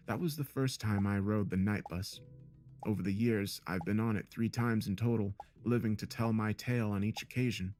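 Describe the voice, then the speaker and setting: Man, low voice, steady measured horror narration, scripted.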